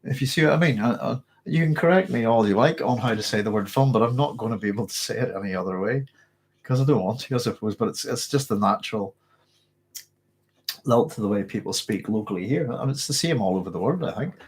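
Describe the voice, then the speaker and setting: Animated and fast, with a breathy edge to his medium-pitched voice, this Northern Irish live streamer chats casually and reads comments. He rambles with many fillers and restarts, and his throat is tickly with a cough.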